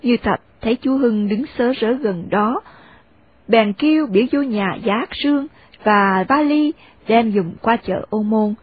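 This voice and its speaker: A woman narrating a story in steady audiobook style. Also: a little high, a little slow, husky. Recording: dry, phone-like narrow sound.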